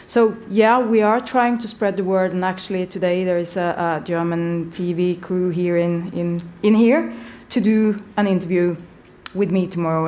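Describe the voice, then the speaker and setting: Woman host, lowish voice. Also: a little mellow. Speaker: podcast host and journalist. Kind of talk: answering questions at a live podcast event. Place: stage at a live event.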